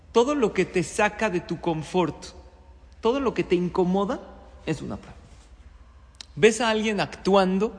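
A man giving a Torah-based moral teaching, driving his points home with rhetorical questions and repetition. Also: a little high. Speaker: religious teacher. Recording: long reverb.

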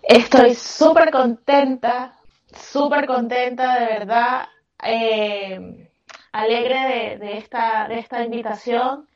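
Speaking slowly with a slightly high, fairly level voice, this podcast guest owns a craft business and answers interview questions in a warm, emphatic, effusive style. Her accent is Venezuelan Spanish. The audio is echoey and muffled, as if the mic were far away.

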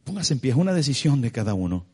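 A man preaching a sermon as a pastor, impassioned, with soaring pitch and drawn-out words. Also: sing-song, a little mellow. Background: music.

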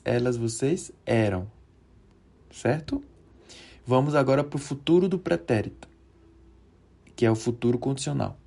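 Slow gravelly teacher, man. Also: mid-range voice, mellow. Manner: slow and deliberate, drawing out each verb form; checks in often with "certo?" and "ok?". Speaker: Portuguese teacher for Spanish speakers. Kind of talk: conjugation lesson.

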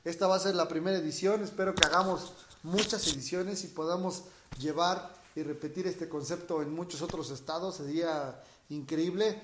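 A Mexican man with a raspy, boozy-sounding voice, chatting informally as he explains things and answers viewers' questions. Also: fairly high pitch, fairly even intonation, normal speed, noisy background. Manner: informal, explanatory, frequently checking with the listener. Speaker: dog trainer hosting a question-and-answer livestream. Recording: echoey room.

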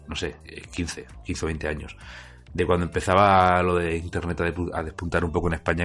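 A man with a raspy, smoker-like voice, chatting casually and wryly as a podcast co-host. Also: low voice. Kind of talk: casual humorous chat.

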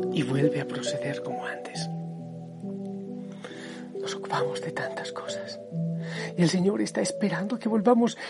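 A middle-aged man, a priest, giving a fervent devotional sermon that often sinks into hushed, near-whispered passages. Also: sits high. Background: soft music backing.

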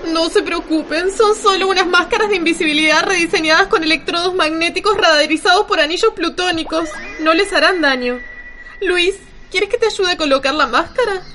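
Brief: woman voicing a gentle alien woman who reassures others, very high and bright, radio play. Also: a little fast. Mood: reassuring. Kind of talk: radio drama acting.

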